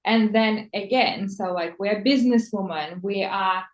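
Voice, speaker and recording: A woman from the Czech Republic, a native Czech speaker, talking slowly as a personal stylist in an interview, searching for words in English. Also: medium pitch. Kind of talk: conversational interview. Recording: echoey room.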